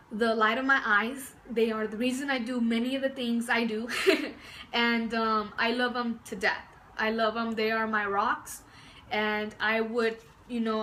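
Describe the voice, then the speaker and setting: Her voice a little high, bright, and forceful, a woman in her early 20s vlogs from her home, rambling enthusiastically to camera with plenty of fillers and restarts. She was born in Mexico and raised in Southern California. Slight background noise can be heard in this casual talk.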